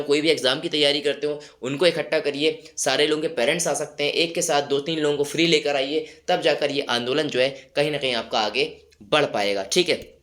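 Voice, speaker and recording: A YouTube channel host with a sore throat and a cold speaks in a fairly high, fairly bright voice, delivering motivational commentary to his viewers. He rallies and exhorts them, firing off rhetorical questions.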